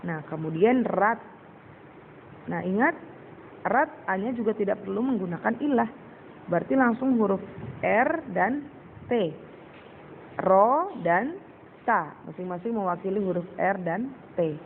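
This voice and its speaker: A woman teacher giving a patient recorded lesson to children, slowly sounding out syllables and repeating words. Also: mid-range voice, lively intonation. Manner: addresses pupils as "Nak". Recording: tinny phone-like recording with faint hiss.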